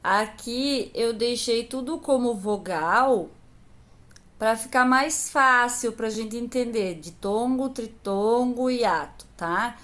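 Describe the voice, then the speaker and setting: With a voice on the high side and fairly bright, a primary school teacher patiently takes young pupils through grammar, raising questions and supplying the answers herself.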